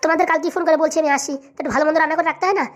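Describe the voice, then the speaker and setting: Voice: sits high, fairly even intonation, very fast, lightly acted. A performer voicing an arrogant grown son who scolds and complains to his parents in a cartoon. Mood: scornful. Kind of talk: cartoon voice acting.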